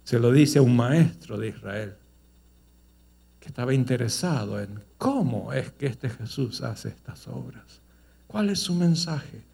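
Gravelly-voiced man preaching a sermon. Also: mid-range voice, expressive, measured pace, mellow. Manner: rhetorical questions, building to emphatic exclamations. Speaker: pastor.

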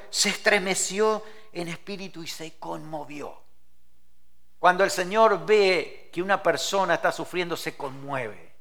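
A man preaching a sermon, swinging his voice up and down and acting out scripture dialogue as he tells it. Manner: expressive preaching with wide swings in pitch and loudness; quotes and acts out scripture dialogue.

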